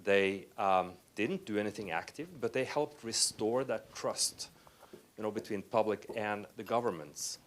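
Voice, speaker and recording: A man's voice: on the low side, a little slow. A man in the audience asking the panel a question, with restarts along the way. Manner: rambling, restarts. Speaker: audience member. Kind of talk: question from the floor.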